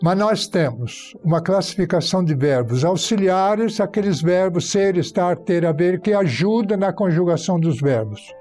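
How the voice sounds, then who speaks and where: Casting note: male grammar teacher, high and mellow voice, methodical, works through example sentences. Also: lively intonation, moderate pace, hardly any pauses, faint music behind. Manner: teacherly, illustrating points with spoken example sentences. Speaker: Portuguese teacher guest. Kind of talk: explaining grammar on a church talk program.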